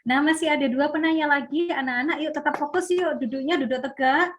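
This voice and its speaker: A woman's voice: high-pitched, quick pace, noisy background. A woman teacher moderating a video-call session, encouraging pupils and calling them up in turn to ask their questions.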